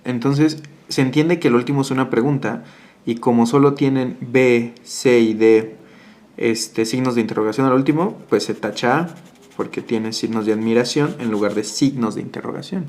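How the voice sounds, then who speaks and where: A man who tutors exam prep, patiently walking through answers with tag questions and filler pauses. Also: medium pitch, a little mellow. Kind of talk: exam answer walkthrough lesson.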